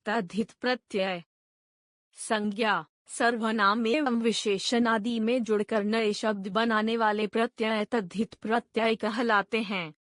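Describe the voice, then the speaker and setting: Very slow woman reading a grammar lesson. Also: on the high side, fairly even intonation, fairly bright tone, no echo, clean studio sound. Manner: reads word lists one item at a time, measured and deliberate. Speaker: grammar teacher.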